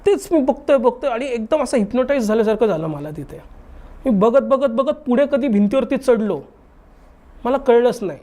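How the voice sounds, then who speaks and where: A man's voice: very high-pitched, moderate pace. A young man telling a haunted story in casual chat, acting out the dialogue animatedly. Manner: animated, acts out dialogue in his retelling. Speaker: guest telling a true ghost story.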